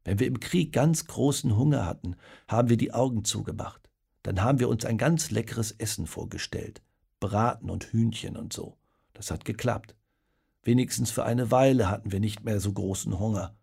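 A man voicing a quiet, remorseful middle-aged father who speaks softly and hesitantly. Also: on the low side, normal speed, vocal fry, breathy edge. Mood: gentle. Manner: soft, gentle, hesitant.

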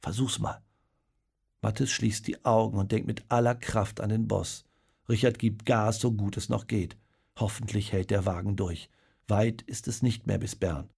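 A man reading a children's story aloud, dramatic and lively in his storytelling. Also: fairly low pitch, normal speed, gravelly, husky. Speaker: narrator. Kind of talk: storybook narration.

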